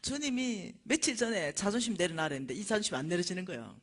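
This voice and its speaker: A middle-aged woman, lecturing at a church and telling a personal testimony with animated storytelling. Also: lowish voice, quick pace. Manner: animated storytelling, acting out dialogue.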